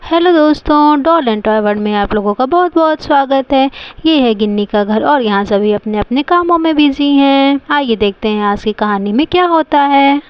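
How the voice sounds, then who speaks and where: A woman's voice: sits high, animated, moderate pace, muffled recording, slight background noise. A woman narrating a children's doll story in a friendly, welcoming way.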